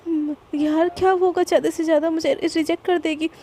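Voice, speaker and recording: A woman's voice: very high-pitched, level tone, fairly quick, dark tone. Woman doing a stammering lovestruck young girl. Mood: anxious. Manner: stammering, anxious self-talk.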